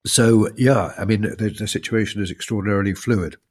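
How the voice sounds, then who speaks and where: Male podcast co-host, fairly low voice, croaky with illness, talking through analysis in a measured, conversational manner. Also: steady tone, darkish tone.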